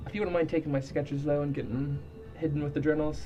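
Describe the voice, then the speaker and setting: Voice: medium pitch, level tone, fast, mellow, highs cut off. A tabletop game player improvising in character casually, with a dry, joking, reassuring manner. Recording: music playing behind the voice.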